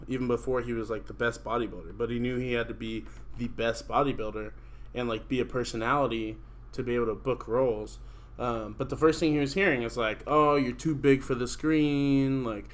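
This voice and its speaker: A man's voice: medium pitch, fairly bright tone. A young man hosting a podcast, rambling casually and swearing often, with lots of fillers like "like". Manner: rambling, profane, heavy use of "like". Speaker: podcast host. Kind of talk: casual chat.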